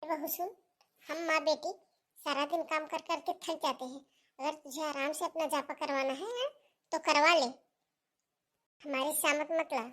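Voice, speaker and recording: A bossy mother-in-law from a family melodrama, acted by a woman in a high, piercing voice. She scolds and mocks without letting up. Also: steady tone, a little slow, pauses often, fairly bright tone. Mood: lecturing. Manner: shrill, taunting, scolding. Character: scolding middle-aged mother-in-law, harsh and domineering.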